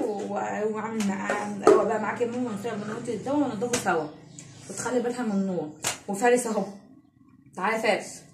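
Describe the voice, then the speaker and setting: A woman in her thirties with an Egyptian accent, chatting affectionately to her viewers about home cleaning as a mother and vlogger. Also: mid-range voice. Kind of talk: casual chat to viewers. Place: home indoors. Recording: echoey room, distant mic, noisy.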